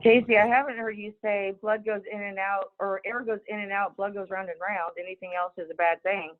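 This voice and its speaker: A woman's voice: mid-range voice, fairly even intonation, fairly quick. Female student, hesitant, thinking aloud, tinny phone-like audio. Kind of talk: online class discussion.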